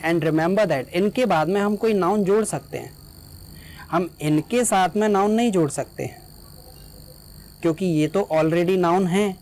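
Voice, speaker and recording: A man teaching an English grammar lesson in Hindi, who explains patiently and dictates English example sentences slowly, word by word. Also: a little high, a little mellow, a little hiss or hum, low-quality recording.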